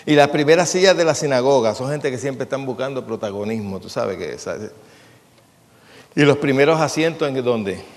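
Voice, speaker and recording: A man's voice: medium pitch, animated, normal speed. A man, a pastor giving a plain-spoken, conversational sermon and asking his congregation questions. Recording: long hall reverb.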